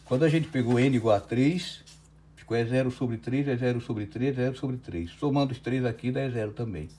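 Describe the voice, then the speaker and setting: Brazilian guy teaching physics online, walks through the math step by step, warm low-key voice. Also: fairly quick. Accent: Brazilian Portuguese. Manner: step-by-step, thinking aloud, checking with "né?" and "certo?". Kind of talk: online lecture working problems on a board.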